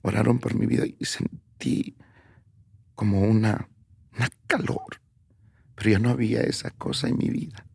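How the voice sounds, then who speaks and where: A man giving a personal testimony on the radio, telling his story haltingly and often dropping to a soft near-whisper. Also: lowish voice, fairly even intonation, no room sound. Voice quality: creaky, husky voice.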